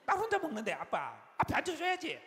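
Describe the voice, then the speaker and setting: A woman's voice: sits high, huge pitch swings, a bit bright, voice pushed up, exaggerated voice. A man voicing his chatty, teasing grown-up younger daughter, coaxing and cheeky. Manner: coaxing, cheeky, quick-tongued. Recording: long hall reverb, faint noise.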